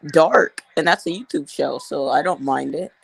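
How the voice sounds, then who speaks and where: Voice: mid-range voice, moderate pace, creaky, breathy edge, dry recording, poor audio. A wrestling watch-along panelist making jokes in casual chat. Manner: joking, wisecracking.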